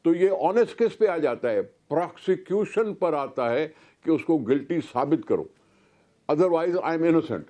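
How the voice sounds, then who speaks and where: A man with a Pakistani Urdu accent argues his point on a talk show, firing off rhetorical questions. His voice sits a little high yet sounds mellow and dark. He talks with steady conviction. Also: a little slow. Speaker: political guest. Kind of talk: heated talk show debate.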